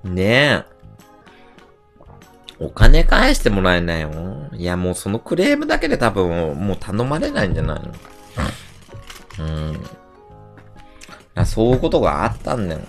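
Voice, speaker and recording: A man chats casually on his livestream, spinning animated, rough-edged rants full of slang. His voice sits on the low side yet swings widely up and down as he gets worked up. Faint music plays behind him. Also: normal speed, pauses often. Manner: animated ranting storyteller, rough slangy speech. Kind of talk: casual chat.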